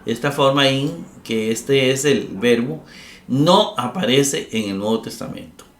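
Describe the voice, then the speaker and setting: A middle-aged man teaching a recorded Greek grammar lesson, explaining patiently step by step, often checking with "¿verdad?" and pausing on "eh". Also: medium pitch, reverberant.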